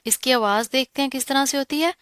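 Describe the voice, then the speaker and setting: Teaching pronunciation, a woman who instructs Quran recitation describes every sound, then voices it in a slow, stretched-out way. She sounds slightly high, crisp and bright, and the close, dry recording has no room sound.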